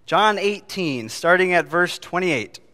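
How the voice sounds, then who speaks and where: A man preaching an earnest sermon to his congregation, his voice bright and forceful. The sound is crisp and resonant, recorded dry and close with no room echo. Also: high-pitched, lively intonation, unhurried. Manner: earnest, asks the congregation questions. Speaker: pastor. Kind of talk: sermon with scripture reading.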